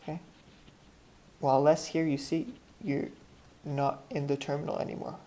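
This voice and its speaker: A woman with a French accent teaching a software tutorial, thinking aloud and often restarting or correcting herself. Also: deep voice, flat delivery, normal speed, slight background noise. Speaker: tutorial instructor. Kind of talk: screen-share software tutorial.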